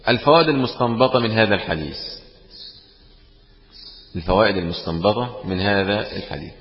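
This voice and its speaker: A man teaching a religious lesson, often asking the class questions and repeating phrases. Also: fairly low pitch. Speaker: teacher explaining hadith. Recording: echoey room, dull lo-fi sound.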